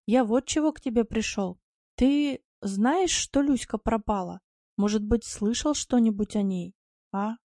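Brief: brash hot-headed yard tomcat, voiced by a woman reader; gruff, blunt, a bit raised. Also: mid-range voice, moderate pace, warm tone, no room sound, clean studio sound, close to an everyday voice. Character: rough, brash yard tomcat, quick-tempered.

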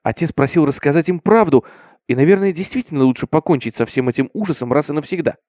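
A man's voice: a little high, animated, fast, no echo, clean studio sound. Man reading a grim horror story. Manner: grave, darkening to a hush in grim passages.

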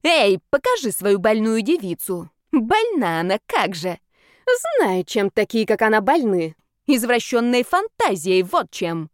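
A woman's voice: mid-range voice, big pitch swings, normal speed, hardly any pauses, clean tone, no room sound, studio quality, lightly acted. A woman voicing a brawling, scandalous middle-aged woman in a storybook, rowdy and accusing. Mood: scornful.

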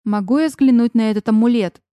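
A woman voicing a calm, measured young male fairy mage who speaks slowly and deliberately. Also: on the high side, no echo, studio quality, voice pushed down, lightly acted. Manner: slow, deliberate speech.

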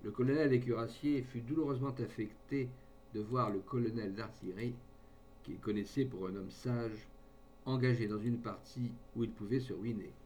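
A male audiobook reader narrating a classic novel in an even, measured way. His voice sits at a middle pitch. A faint low rumble hums beneath the recording.

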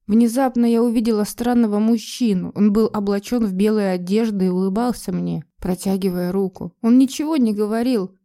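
A woman reads a dark first-person tale with emotional tension in her delivery. Her voice is mellow and warm, sitting at an ordinary mid pitch. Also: steady tone, fairly quick, hardly any pauses. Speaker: narrator. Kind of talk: dramatic audiobook narration.

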